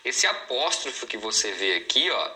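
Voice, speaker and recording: Brazilian male English teacher, crisp bright tone, patient lesson delivery. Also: medium pitch, very animated, rough recording. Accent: Brazilian Portuguese. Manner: explains patiently, models words slowly and repeats them. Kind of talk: recorded online lesson.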